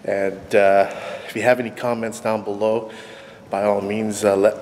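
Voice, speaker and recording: A man in his forties hosts an urban exploration vlog, casually narrating to viewers and addressing them directly as he explores the empty rooms and halls of an abandoned church. His low, darkish voice is flat and moderately paced, captured by a handheld camera held at arm's length, with noisy audio in the empty building.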